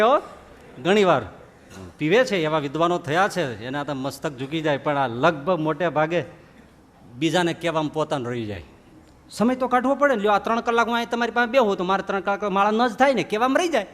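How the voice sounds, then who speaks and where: High-voiced preacher. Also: male voice, a little hiss or hum. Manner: lively storyteller who acts out quoted characters. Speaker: monk preacher. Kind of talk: devotional sermon with storytelling. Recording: long hall reverb.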